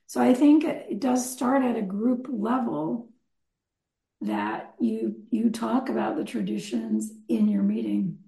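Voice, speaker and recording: A woman leading a recovery meeting discussion, calm and measured, reading text aloud. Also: fairly high pitch, vocal fry. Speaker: meeting facilitator. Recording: roomy echo.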